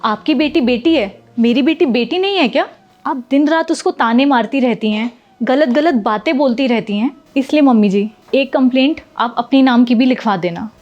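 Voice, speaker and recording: A woman playing a patient young daughter-in-law who speaks gently and pleadingly to her family. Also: sits high, normal speed, lo-fi sound, faint music behind, natural voice. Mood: accusing. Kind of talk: Hindi short film acting.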